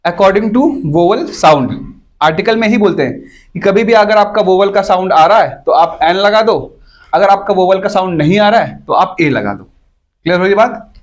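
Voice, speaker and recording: A man's voice: sits high, animated, fairly quick. A man teaching an English grammar class to students, explaining step by step and often stopping to ask whether everyone has understood. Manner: keeps checking whether students follow, repeats points.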